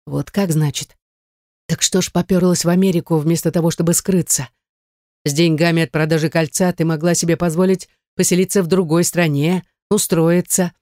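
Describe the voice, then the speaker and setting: An audiobook reader voicing an angry ex-husband who speaks in gruff, sarcastic bursts. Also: male voice, a little high, level tone, normal speed, darkish tone, no echo, clean studio sound, lightly acted. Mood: cold. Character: angry wealthy ex-husband, hot-tempered, blunt. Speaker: audiobook character. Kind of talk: audiobook reading.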